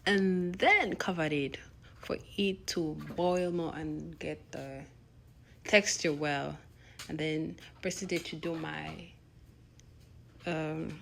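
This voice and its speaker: A woman's voice: low-pitched, steady tone, slow, gravelly, long pauses, a bit bright, a little hiss or hum. A young woman, chatting casually as she narrates her own vlog, laughing now and then and restarting words. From Uganda. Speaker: vlogger.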